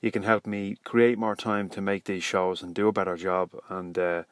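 A man's voice: low voice, little pitch movement, normal speed, no echo. An Irish man hosting a solo podcast in a casual, rambling, hesitant way, recorded inside a car. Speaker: podcast host. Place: inside a parked car, in the passenger seat.

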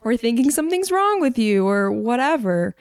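A woman co-hosting a casual faith-based discussion, talking conversationally with fillers and quick asides. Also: on the high side, very animated. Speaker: podcast co-host.

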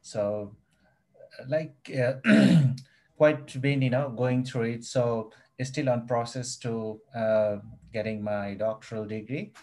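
A man from Nepal in his thirties, a doctoral student guesting on a podcast over a video call, talking haltingly with many fillers while he searches for words. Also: medium pitch, steady tone, warm tone. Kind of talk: casual podcast interview.

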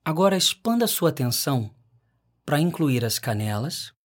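Husky-voiced man guiding a meditation. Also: a little high. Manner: calm, unhurried instruction with long pauses. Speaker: meditation guide. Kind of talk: scripted guided meditation narration.

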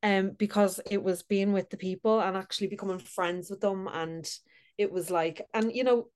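A woman's voice: mid-range voice, fairly even intonation, normal speed, darkish tone. A woman podcast guest telling a travel story in an earnest way, with many fillers. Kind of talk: casual interview chat.

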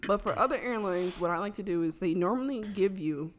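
A woman's voice: mid-range voice, animated, a little fast, a little hiss or hum. A woman chatting casually on a podcast, explaining travel tips and laughing often. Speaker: podcast co-host.

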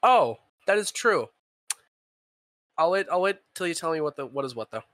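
An excitable man playing a tabletop game, halting at times. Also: fairly high pitch, no echo, studio quality. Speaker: player.

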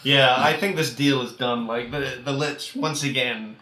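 Male tabletop player, casual halting improvisation, forceful bright tone, roomy recording. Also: mid-range voice. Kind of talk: casual improvised role-play chat. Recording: roomy echo.

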